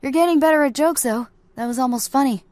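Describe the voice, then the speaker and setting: A woman's voice: high voice, fast, darkish tone, no room sound, voice pushed up, close to an everyday voice. A woman voicing a wry, teasing man joking with a friend.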